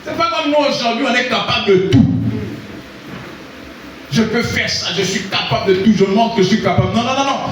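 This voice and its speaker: A man from Congo preaching a sermon, calling out to the congregation for responses and rising to shouts. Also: very high-pitched, fairly quick, long pauses, slight background noise. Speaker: pastor. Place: church hall. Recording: echoey hall, voice from far off.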